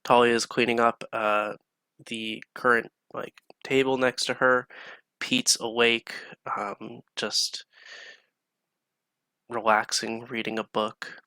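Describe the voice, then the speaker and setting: A man's voice: medium pitch, little pitch movement, slow, pushed and bright, clean tone, no room sound. A young man narrating a tabletop game as game master, improvising with hesitations and fillers.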